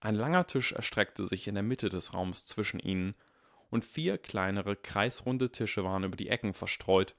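A man giving a measured, expressive scripted narration of a story. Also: lowish voice, gravelly, no echo, studio quality. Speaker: audiobook narrator.

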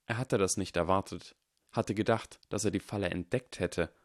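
A man narrates an audiobook chapter in an even, low-key way. His voice sits fairly low. The sound is dry and close, with no room around it. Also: moderate pace, no echo. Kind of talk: scripted narration.

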